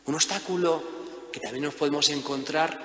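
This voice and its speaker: A male priest giving a Lenten conference talk in a lively, animated manner. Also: on the high side, normal speed. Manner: lively, acts out voices in anecdotes. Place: monastery church or hall. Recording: echoey hall with long reverb.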